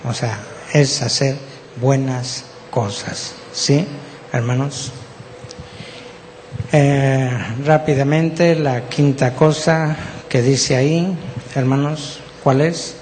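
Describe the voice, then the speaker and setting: A man's voice: mid-range voice, fairly even intonation, very slow, darkish tone, in a large hall, a little hiss or hum. A Mexican man preaching a sermon to his congregation, teaching patiently and often checking that his listeners follow along. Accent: Mexican Spanish. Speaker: pastor. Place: church hall.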